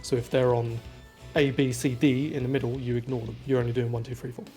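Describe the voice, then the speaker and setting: A man's voice: mid-range voice, little pitch movement, fast talker, warm tone, faint music behind. A man leading a raid group, patiently explaining positions step by step, heard over group voice chat. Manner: methodical, patient step-by-step calls. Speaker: raid leader.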